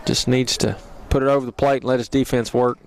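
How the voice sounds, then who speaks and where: Gravelly man calling a school baseball game. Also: medium pitch, fast talker, poor audio. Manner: relaxed, rambling, partisan for the home team. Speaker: baseball commentator. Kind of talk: casual play-by-play commentary. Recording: crowd noise at an outdoor ballpark.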